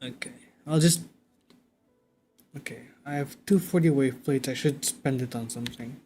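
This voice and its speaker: A man livestreaming a game, talking casually and thinking out loud in a conversational way. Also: mid-range voice, normal speed. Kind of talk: casual livestream chat while playing a game. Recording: game music behind the voice. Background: video game music.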